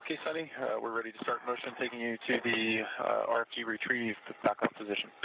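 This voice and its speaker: A man operating a robotic arm, giving steady procedural callouts with small fillers over a muffled space radio link. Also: mid-range voice, quick pace, creaky, dry recording. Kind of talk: technical radio calls.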